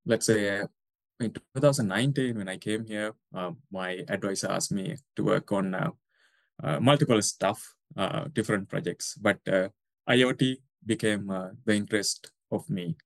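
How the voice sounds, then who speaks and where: A man's voice: lowish voice, normal speed, vocal fry, no echo. A young man from Sri Lanka, a researcher answering interview questions with many hesitant fillers. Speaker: guest researcher.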